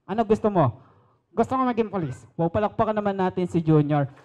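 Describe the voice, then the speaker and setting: A woman's voice: mid-range voice, animated, brisk, darkish tone, lo-fi sound. A woman hosting a children's birthday party, playful and teasing as she runs a comedy act, mixing English into her talk. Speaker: party host. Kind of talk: ventriloquist comedy at a kids' party.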